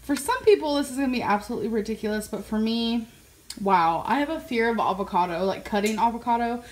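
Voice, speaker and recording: A chatty young woman with a drawl talks straight into a phone held at arm's length, her voice a touch high and giggly. Faint noise hums behind her. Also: animated, quick pace. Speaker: vlogger. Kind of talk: casual vlog chat. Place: parked car, home and store. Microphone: phone camera at arm's length.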